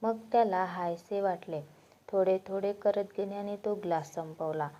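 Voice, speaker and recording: A woman narrating a moral story with a steady, unhurried reading. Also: medium pitch. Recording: dull lo-fi recording.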